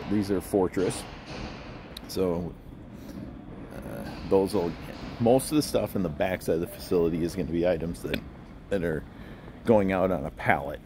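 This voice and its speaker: A man narrating a casual walking tour of a large warehouse, explaining things in a relaxed way with many fillers and restarts. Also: sits low, measured pace, long pauses. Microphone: handheld phone camera while walking. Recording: phone recording with clear background hum.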